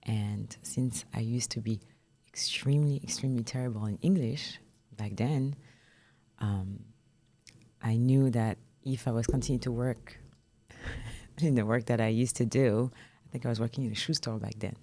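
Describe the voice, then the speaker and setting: A woman in her thirties from France, a guest chatting softly and hesitantly with frequent little laughs. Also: rumbling low, fairly even intonation, moderate pace. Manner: soft-spoken, laughs often, hesitant fillers. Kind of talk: casual interview chat.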